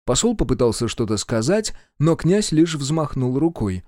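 A man narrating a fantasy audiobook in the first person with a dramatic, expressive reading. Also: medium pitch, normal speed, no room sound, studio quality.

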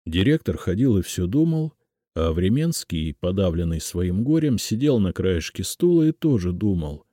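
A male audiobook narrator with a very low, dark voice that still moves expressively through a wide pitch range. He reads in a measured, literary manner. The recording is dry and close, with faint music underneath. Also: big pitch swings, dry recording.

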